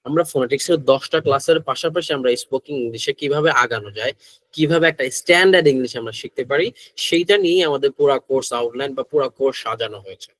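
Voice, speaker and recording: A man's voice: medium pitch, very fast, a bit bright, no room sound, rough recording. A man with a Bangladeshi accent, teaching an English pronunciation class who mixes Bengali with English phrases and keeps asking his students questions. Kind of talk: online class lecture.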